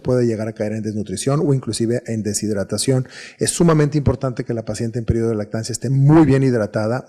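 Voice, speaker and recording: A man's voice: mid-range voice, dark tone. A man giving a recorded medical lecture with a Mexican Spanish accent, explaining steadily and often restarting or repeating words.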